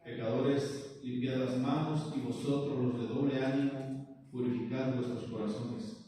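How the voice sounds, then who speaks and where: A man preaching to his congregation in a church, with a mellow, dark tone. He reads scripture slowly and keeps asking the people questions. His voice carries from a distance through a long, echoing hall with faint room noise behind. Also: mid-range voice, steady tone. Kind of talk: sermon. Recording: echoey church hall, mic far off.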